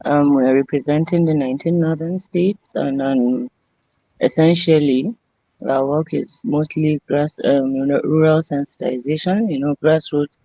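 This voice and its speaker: A woman's voice: deep voice, steady tone, a little slow, dark tone. A woman introducing herself as a coalition vice chairperson over a conference call, hesitant with many fillers. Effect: heard through a conference call line. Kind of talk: online meeting introduction. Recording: dull lo-fi conference call audio from afar.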